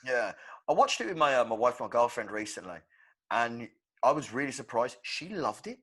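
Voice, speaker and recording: A young man co-hosting a movie podcast in casual, animated chat. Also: medium pitch, fairly quick, slightly rough. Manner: animated, acts out quotes. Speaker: podcast co-host.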